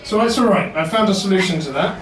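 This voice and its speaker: A man's voice: high voice, fast, far from the mic, crowd noise. A man performing a wry, self-deprecating stand-up comedy set in a basement comedy venue. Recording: roomy echo, mic heard from afar.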